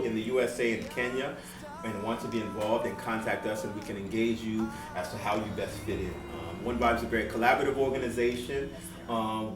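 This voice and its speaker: A man in his thirties from Seattle, a guest answering in a relaxed, earnest way during a live on-stage interview. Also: on the low side. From Seattle, USA. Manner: relaxed and earnest, many "um" fillers. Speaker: guest, board member of a nonprofit. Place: event venue with live audience. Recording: echoey venue, distant mic, music behind.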